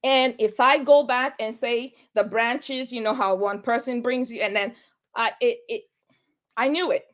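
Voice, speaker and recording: A real estate agent telling a personal story in an interview, animated and acting out the dialogue she recalls. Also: on the high side, a little slow. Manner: animated, acts out quoted dialogue.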